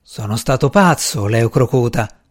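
A man voicing a mad, unkempt male magician who speaks in a slow, hushed, menacing whisper. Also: on the high side, lively intonation, gravelly. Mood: intense.

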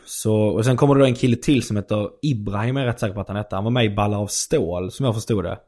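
A man's voice: on the low side, a little mellow. Rambling young man telling stories. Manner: rambling, lots of fillers. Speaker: stand-up comedian. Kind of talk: casual storytelling chat.

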